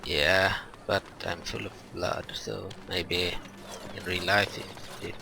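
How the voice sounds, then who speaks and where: A man casually commenting over gameplay in a hesitant, halting way full of fillers. His voice is low and gravelly with a very bright, sharp edge. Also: fairly even intonation, a little hiss or hum. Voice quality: hesitant, filler-heavy speech. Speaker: let's play host.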